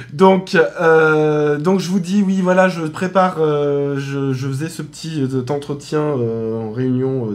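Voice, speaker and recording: A man's voice: medium pitch, darkish tone. A man with a French accent chats casually on a live stream from a hotel room, his voice in the middle range. He talks loosely with many fillers, restarts and small laughs at himself. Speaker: aromatherapy teacher.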